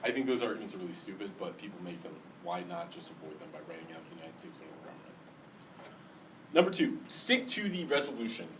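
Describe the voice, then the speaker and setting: A man's voice: on the low side, sing-song, fast. A man lecturing a class on debate, explaining step by step with many ums and a slight lisp today. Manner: explanatory, frequent ums and restarts. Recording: distant mic, faint background noise.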